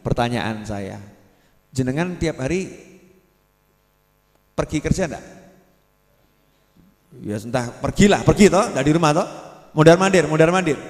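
A male preacher whose high voice leaps up and down as he teases and questions his listeners. His sermon echoes through a large hall with a long tail of reverb. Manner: playful, quizzes the audience. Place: religious gathering hall.

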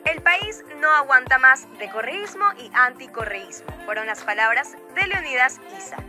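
A woman's voice: sits high, normal speed, soft background music. A young woman presenting a student news show in a studio, teasing and upbeat, on a lapel mic. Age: young adult. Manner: lively and teasing. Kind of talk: scripted satirical news reading.

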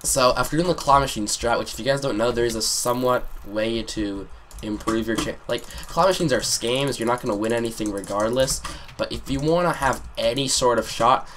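A teenage boy telling a rambling, sarcastic storytime over his gameplay, with sudden excited yelps. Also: medium pitch, a little fast, a little hiss or hum. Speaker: gaming commentator. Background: keyboard clicks and typing.

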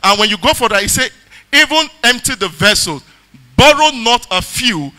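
A man preaching a sermon, telling a testimony and reading scripture, rising into shouted, sing-song emphasis. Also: very high voice, expressive, normal speed.

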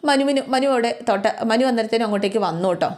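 A woman's voice: a little high, fast, darkish tone. Chatty woman storyteller. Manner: chatty, addresses the listener. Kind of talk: casual story narration.

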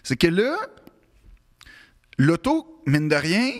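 A man with a Quebec French accent telling a comic story in casual podcast chat, animated and halting, full of restarts and repeated words. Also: a little high. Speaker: podcast co-host.

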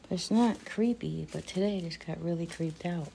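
A middle-aged woman keeps up nervous, casually sweary chatter while filming a ghost hunt in a large old cellar. Her fairly low voice carries vocal fry and a mellow tone at a moderate pace, with slight background noise. A camera, tripod-mounted at first and then handheld, picks her up from afar in the echoey basement.

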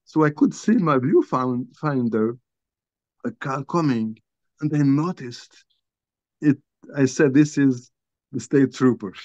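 An older Algerian guest author shares a personal story over a video call from a small room at home, though the dull lo-fi audio carries no room sound. His medium-pitched, darkish voice has lively intonation. He talks haltingly and conversationally, restarting often and saying "you know" frequently.

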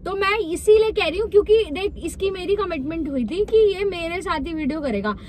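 A woman's voice: very high-pitched, expressive, fairly quick, a crowd in the background. A woman arguing insistently and defensively with a friend in a car, in a comedy sketch. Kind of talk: scripted comedy sketch argument. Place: inside a parked car.

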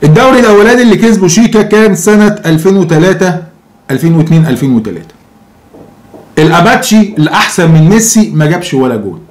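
A man's voice: sits high, expressive, very fast. A man in his thirties with an Egyptian accent, giving opinionated football commentary to camera in a sarcastic, mocking way with rhetorical questions. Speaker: football fan commentator and host.

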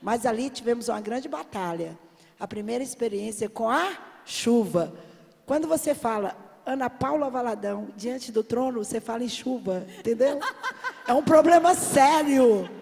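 A woman giving a lively stage testimony at a church congress as an intercessor leader, acting out the dialogue and sometimes shouting. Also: fairly high pitch, normal speed, creaky. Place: large congress hall. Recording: long hall reverb.

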